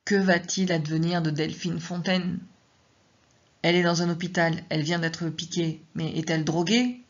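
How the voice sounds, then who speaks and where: A woman author reading her own story aloud in the first person, with measured, tense narration. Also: lowish voice, steady tone, muffled recording.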